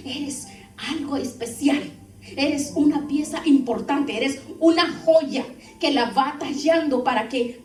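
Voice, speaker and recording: Woman pastor, high voice, fervent sermon, distant mic, faint music underneath. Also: a little mellow. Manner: fervent preaching, addressing the congregation directly. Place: church hall. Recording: echoey room, heard from a distance, faint music.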